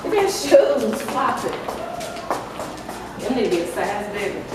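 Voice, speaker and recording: A woman's voice: medium pitch, very animated, unhurried, noisy background. A woman chatting casually with family in a hotel, using informal slang and terms of endearment. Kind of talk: casual family chat in a travel vlog. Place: large echoey indoor hotel spaces. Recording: echoey, distant mic, loud room chatter.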